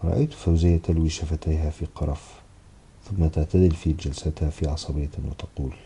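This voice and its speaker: A man reads a first-person novel aloud in a very deep voice. His tone is dark and heavy, and he moves through the text at a brisk, steady clip with a measured literary delivery. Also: husky. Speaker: audiobook narrator.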